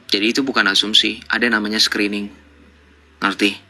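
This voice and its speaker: A man's voice: on the low side, little pitch movement, a little fast, pushed and bright. A man hosting a live online debate, lecturing callers with mocking rhetorical questions. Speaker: live-stream debate host.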